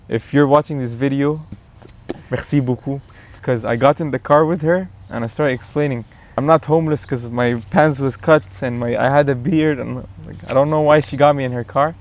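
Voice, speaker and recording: Man, guest, relaxed rambling storyteller, backyard chat, mid pitch.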